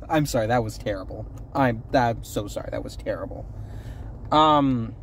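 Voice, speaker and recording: A man's voice: mid-range voice, measured pace, a little hiss or hum. A young man chatting casually to his phone camera from a parked car, rambling with lots of ums and self-corrections. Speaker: vlogger. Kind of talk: casual unscripted chat to camera.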